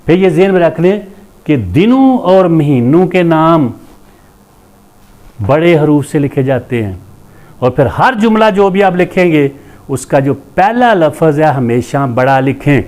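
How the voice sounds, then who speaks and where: A man's voice: on the high side, expressive, darkish tone. A man teaching English grammar in a classroom-style lecture, repeating each term and spelling out letters one by one. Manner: deliberate, repeats terms and spells letters aloud; opens with a religious invocation.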